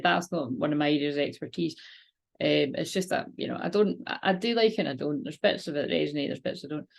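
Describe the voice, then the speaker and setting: A woman's voice: low voice, vocal fry. A woman gives a spiritual card reading in a rambling, informal way, moving between chat and guided relaxation. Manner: rambling, informal, interrupts herself. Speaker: tarot and oracle card reader.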